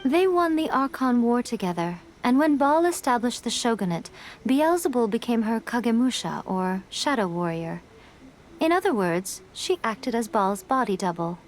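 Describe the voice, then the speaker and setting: A woman voices a sly, playful fox-spirit woman in game dialogue, her speech poised and teasing. Her pitch sits on the high side and her delivery is animated at a moderate pace, with a calm mood and a near-everyday voice. There's slight background noise.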